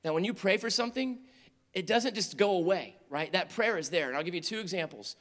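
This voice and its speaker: A man preaching to teenagers in an earnest storytelling manner, rising to urgent appeals and dropping to quiet, tender moments. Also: sits high, animated, a little fast. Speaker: youth pastor. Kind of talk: sermon to teenagers. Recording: long hall reverb.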